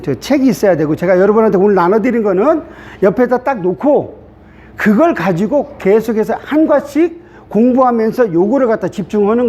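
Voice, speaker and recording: Lively high-voiced male Greek teacher. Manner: chatty, repetitive, asks class "됐죠?". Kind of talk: classroom lecture. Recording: dull low-fi sound with faint hiss.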